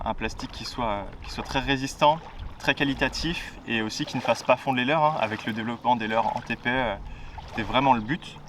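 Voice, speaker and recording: A man in the middle of his range walks through a new line of tackle boxes, chatty and unscripted, often pausing on "euh" and restarting his sentences. He sits a little away from the mic, with a faint hum of noise behind him. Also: mid-range voice, a bit bright, distant mic. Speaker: product presenter for a fishing brand. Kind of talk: casual product presentation.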